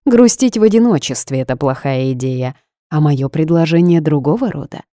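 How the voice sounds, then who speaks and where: A woman voicing a smug, seductive male boss who speaks calmly and commands. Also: sits low, a little fast, no room sound, studio quality.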